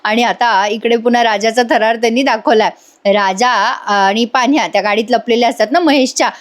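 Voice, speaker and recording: A woman with a high voice recaps a serial episode in a chatty voice-over. She talks straight to her viewers as she goes. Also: a little fast. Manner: chatty, addresses viewers directly. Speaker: serial reviewer.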